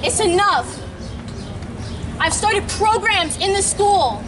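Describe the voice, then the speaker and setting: Speaking at a street rally in an outdoor plaza, a late-teen student from New York delivers an emphatic, earnest protest speech, occasionally pausing to restart her sentences. Her very high voice has lively intonation, and the distant mic captures crowd cheers and traffic noise.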